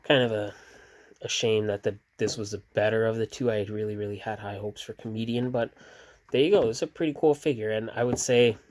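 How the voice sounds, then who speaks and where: A relaxed man talks through his toy figures in a rambling, casual way, his voice sitting a little low. He sounds sleepy and stops and restarts often. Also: fairly quick. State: sleepy, yawning. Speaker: toy collector reviewing action figures.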